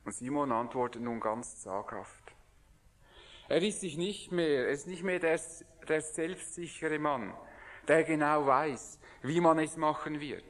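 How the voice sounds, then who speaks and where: Slow earnest preacher in a reverberant hall. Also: male voice, fairly high pitch. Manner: earnest, dropping to a hushed voice at times. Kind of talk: sermon.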